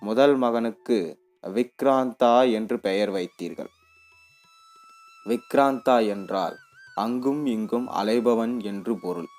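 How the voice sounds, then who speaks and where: A man voicing a wise, patient queen mother who reasons gently and unhurriedly. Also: lowish voice, slow, pauses often, faint music behind. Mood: patient reasoning.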